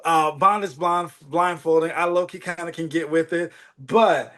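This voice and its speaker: Slightly high-voiced man telling a story. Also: fairly even intonation, moderate pace, fairly bright tone. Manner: storytelling, hedging with slang asides. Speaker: podcast co-host. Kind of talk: casual chat.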